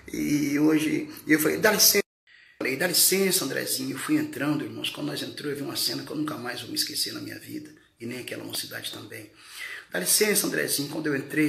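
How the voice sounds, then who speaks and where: A man's voice: mid-range voice, gravelly, echoey room, a little hiss or hum. A Brazilian man preaching a fervent testimony sermon, his voice rising when he retells what people said. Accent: Brazilian Portuguese. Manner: fervent, rising to shouts in retold dialogue.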